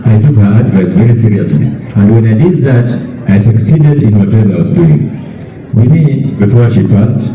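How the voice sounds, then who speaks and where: A mature Kenyan man giving a eulogy as a bereaved father, speaking deliberately and repeating words for emphasis. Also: on the low side, expressive. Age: middle-aged or older. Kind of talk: eulogy speech. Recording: echoey, distant, dull public-address sound.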